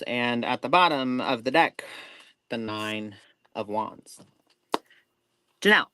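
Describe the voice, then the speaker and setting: A man's voice: fairly low pitch, fairly bright tone, dry recording, low-quality recording. A man co-hosting a live show, giving a tarot reading in a rambling, self-interrupting way with folksy reassurance. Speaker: tarot reader, co-host.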